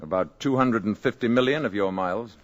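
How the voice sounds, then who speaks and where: A man's voice: fairly low pitch, dull audio, lightly acted. A man playing Klaatu, a grave alien visitor. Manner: measured, quiet, grave. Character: calm aloof male alien visitor. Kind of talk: 1950s radio drama acting.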